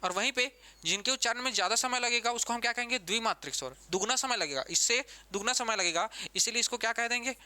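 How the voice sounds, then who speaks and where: A man's voice: very high voice, fast, few pauses, bright, forceful tone, clear, resonant tone. A man teaching an exam-prep grammar lesson, who repeats key terms and keeps asking the class questions.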